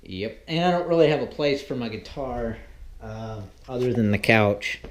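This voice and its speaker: A man talks casually to his viewers in a roomy, echoing indoor space. He rambles as he thinks out loud, with a mildly grumbling edge and an ordinary mid-range pitch. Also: normal speed, crowd noise. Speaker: vlogger. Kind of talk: casual vlog talk to viewers. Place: indoors in a room at home.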